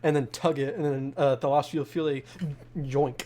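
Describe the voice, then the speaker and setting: Guy dm narrating, kinda higher voice, lots of uh and like. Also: little pitch movement, a crowd in the background. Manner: halting, descriptive, full of "uh" and "like". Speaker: game master. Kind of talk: narrating a tabletop game.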